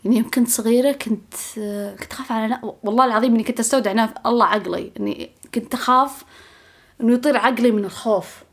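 A woman's voice: fairly high pitch, very fast, breathy edge. A woman with a Saudi Gulf accent telling a casual story to her viewers. She talks in a chatty way, repeats herself often and sometimes drops to a whisper. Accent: Saudi Gulf Arabic. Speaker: vlogger.

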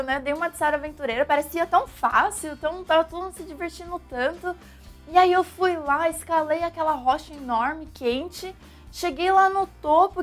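A young Brazilian woman with a Brazilian Portuguese accent teaches English in a lively, animated video lesson, speaking in a high-pitched voice.

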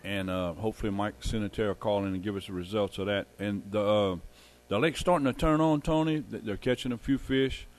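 A man's voice: on the low side, fairly quick, hardly any pauses. A man, chatting casually and in a folksy way as co-host of a local radio show. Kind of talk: casual fishing report chat. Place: radio studio.

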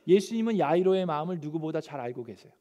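A male pastor preaching a sermon, animated and acting out the scripture quotes. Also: a little high, fast, muffled recording. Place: church sanctuary. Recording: long church hall reverb.

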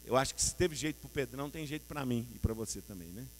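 Lively Brazilian preacher with hall echo. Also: male voice, medium pitch, fast talker, slight background noise. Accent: Brazilian Portuguese. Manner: lively storytelling, colloquial, addresses the audience directly. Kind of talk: sermon.

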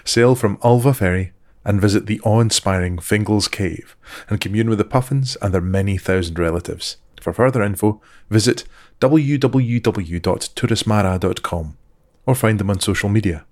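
A man hosting an interview podcast, reading a measured scripted introduction and asking questions. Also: on the low side, darkish tone. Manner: measured, reads sponsor details slowly and clearly. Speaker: podcast host.

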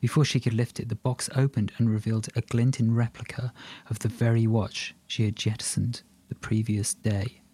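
A man narrating an audiobook in a calm, even storytelling manner. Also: lowish voice, moderate pace, breathy edge. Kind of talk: scripted narration.

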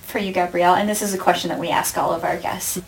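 A woman hosting a podcast interview, friendly and quick to laugh. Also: fairly low pitch, steady tone, vocal fry, distant mic. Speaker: podcast host. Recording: roomy, from off mic, faint hiss.

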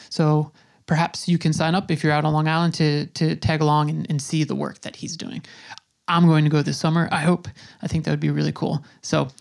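A woman's voice: low-pitched, vocal fry, darkish tone. A woman speaking casually and informally as a podcast host.

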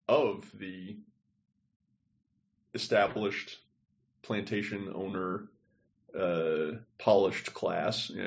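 A man co-hosts a podcast over a remote call, thinking aloud and wandering off on tangents in casual discussion. His voice sits low and gravelly, and the recording's highs are cut off.

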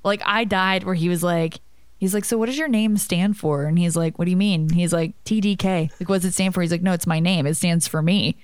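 Woman co-host, casual movie talk, smooth voice, dry close sound, lively storyteller who laughs easily. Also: lowish voice, brisk, no echo. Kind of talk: casual movie review chat.

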